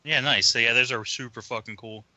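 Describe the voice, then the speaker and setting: Joking podcast co-host, bright dry voice. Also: male voice, medium pitch, brisk, no room sound. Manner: joking, animated asides. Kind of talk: casual chat.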